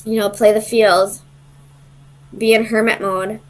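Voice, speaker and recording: Reading tarot in a relaxed, conversational way, a woman hesitates often, thinking out loud and hunting for the right words. Her mid-range voice barely moves in pitch, her pace is measured, and the recording quality is low.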